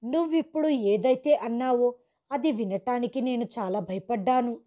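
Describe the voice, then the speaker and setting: A woman voicing a tearful older mother who gravely reveals a long-kept secret to her son, as a storybook figure. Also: on the high side, moderate pace, mellow, close to an everyday voice.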